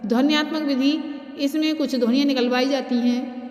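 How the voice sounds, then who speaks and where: A woman teacher giving a steady explanatory lecture, slowing down to recite verses. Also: high voice. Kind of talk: lecture explaining Sanskrit pronunciation methods. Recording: echoey room with long reverb.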